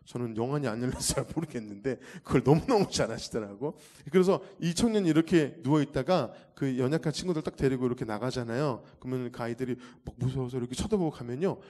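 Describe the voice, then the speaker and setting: A man giving an animated testimony to a church audience, acting out the scenes as he tells the story. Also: medium pitch, fast, few pauses. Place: church hall.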